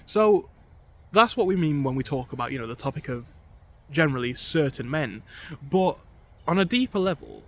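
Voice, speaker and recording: A young man with a fairly high voice talks earnestly to the camera, restarting his sentences as he thinks aloud. He is out on a bike ride, and faint outdoor sounds stay under his voice. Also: expressive, moderate pace, pauses often, a little hiss or hum. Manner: earnest, repeats words while thinking aloud. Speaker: vlogger. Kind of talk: casual talking-to-camera vlog.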